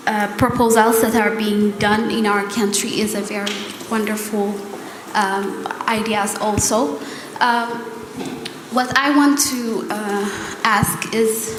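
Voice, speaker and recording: A young Ethiopian woman with an Ethiopian accent asks a question from the audience, her voice a little high. She hesitates often and fills the gaps with filler sounds. A roomy hall echo and clear background noise surround her. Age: young adult. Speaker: architecture student asking a question.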